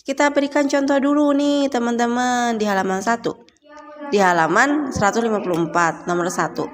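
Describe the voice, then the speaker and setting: A woman's voice: on the high side, brisk. A young woman teacher explaining a lesson to young pupils, patient, often asking them questions and then answering herself. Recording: very echoey room with faint background noise.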